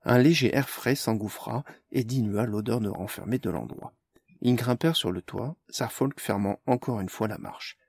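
Gravelly male audiobook narrator. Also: medium pitch, moderate pace, a little mellow, no echo, studio quality.

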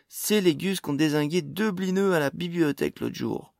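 A man voicing a brash, sharp-tongued female dwarf in an audiobook, slangy and defiant. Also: on the high side, normal speed, vocal fry, no echo, studio quality, pitched above the performer's own voice. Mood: mocking defiant. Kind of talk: audiobook character voice.

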